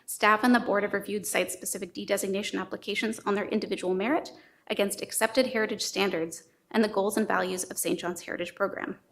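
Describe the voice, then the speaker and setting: A woman's voice: medium pitch, fairly even intonation. A woman presenting a heritage board recommendation, reading a formal prepared statement. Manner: brisk, formal.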